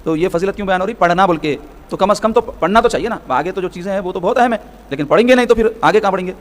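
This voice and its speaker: High-voiced preacher teaching. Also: male voice. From Hyderabad, South India. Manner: explanatory, repetitive, asks rhetorical questions. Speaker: religious scholar teaching hadith. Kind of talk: sermon-style hadith lesson.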